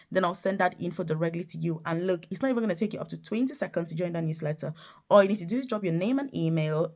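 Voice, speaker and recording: A woman hosting an online video, speaking to viewers in a promotional vlog style with an upbeat, recruiter-like sales pitch that leans on key words. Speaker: online video host promoting remote jobs. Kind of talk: promotional direct-to-camera vlog.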